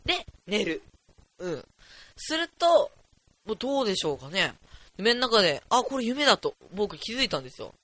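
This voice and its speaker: A teenage boy of about fifteen hosting a solo podcast, rambling in an excitable, chatty, jokey way at a desk mic. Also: sits high, moderate pace, no room sound. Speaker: podcast host.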